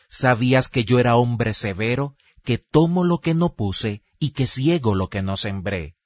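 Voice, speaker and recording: Male narrator for biblical epic scripture: solemn, measured, mid-pitched, on a muffled dry track over music. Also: dry recording. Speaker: Bible narrator. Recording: dull lo-fi recording with music behind.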